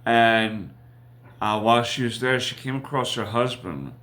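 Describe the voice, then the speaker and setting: A man's voice: mid-range voice, animated, a bit bright. A man hosting a casual TV episode review, rambling and correcting himself as he recaps. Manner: rambling, slow, with frequent fillers and self-corrections. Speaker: TV review host.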